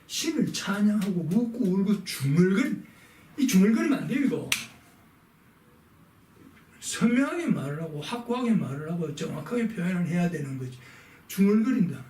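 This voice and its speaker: A philosophy lecturer reads a text aloud and explains it in a lesson, posing rhetorical questions to listeners and moving on with short prompts, often "자". His voice is high, very animated and darkish, at a normal speed, recorded in an echoey room with the mic at a distance.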